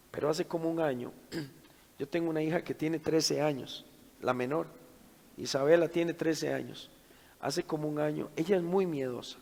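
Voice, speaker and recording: Gravelly preacher in a hall. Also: male voice, on the high side. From Costa Rica. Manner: dramatic storytelling, swings from hushed to loud. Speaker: preacher at a men's conference. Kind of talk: sermon with a personal story. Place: church hall. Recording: echoey hall with long reverb.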